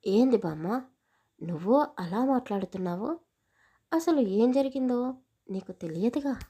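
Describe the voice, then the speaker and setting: A woman's voice: on the high side, expressive, measured pace, mellow, husky. A woman voicing a stern, angry young village man who scolds harshly in a storybook.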